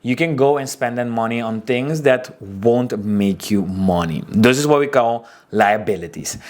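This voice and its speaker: Animated young man with Aruban accent. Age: 20s. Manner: animated, expressive storytelling with big pitch swings. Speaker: wedding photographer sharing business advice. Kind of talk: casual talking-head advice episode.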